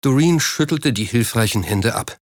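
A man narrating an audiobook in an even, steady storytelling manner. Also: medium pitch, moderate pace, dry recording, studio quality. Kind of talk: scripted narration.

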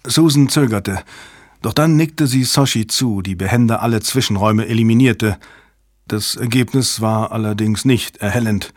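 A man narrating a thriller audiobook in a steady, even storytelling manner on a close microphone. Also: on the low side, moderate pace, no echo. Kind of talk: scripted narration.

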